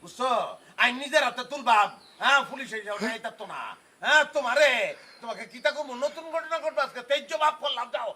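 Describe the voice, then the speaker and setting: A man playing a loud, protective grown son in a comic village drama, scolding and pleading in a Sylheti accent. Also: extremely high pitch, fast, few pauses, a little hiss or hum. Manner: loud, scolding, swings between shouting and pleading. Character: hot-headed grown son, loud and protective of his mother. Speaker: angry son defending his mother.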